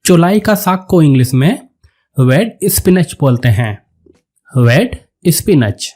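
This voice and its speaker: Male teacher, higher-pitched voice, very slow and deliberate word drills, faint music underneath. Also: lively intonation, a little mellow. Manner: repeats each word slowly and deliberately. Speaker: English teacher. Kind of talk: slow vocabulary lesson.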